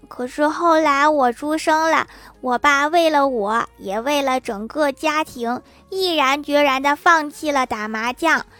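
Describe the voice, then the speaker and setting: A woman voicing a smug little schoolgirl who talks in a high, childish, drawn-out way. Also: fairly bright tone, dry recording.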